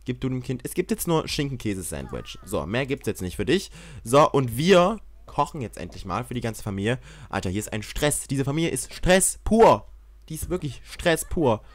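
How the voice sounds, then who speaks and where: A young man commentating a life-sim game he is playing, excitable and swearing, often yelling in mock outrage. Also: medium pitch, dry recording. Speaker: gaming YouTuber. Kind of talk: Let's Play commentary.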